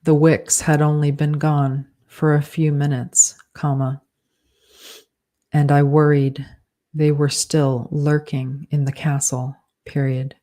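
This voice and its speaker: Slow dictation with spoken punctuation. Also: medium pitch, little pitch movement, warm tone. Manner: says punctuation aloud and corrects with "undo". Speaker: author dictating a novel.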